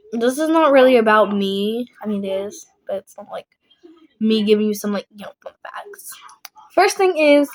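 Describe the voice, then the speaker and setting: Blunt young woman with a higher voice. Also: rough recording. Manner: blunt, emphatic, repeats herself. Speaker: vlogger. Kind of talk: casual rambling chat to viewers.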